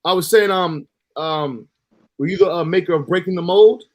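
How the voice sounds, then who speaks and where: A man's voice: sits high, moderate pace. Laid-back, encouraging male host. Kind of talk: casual podcast chat.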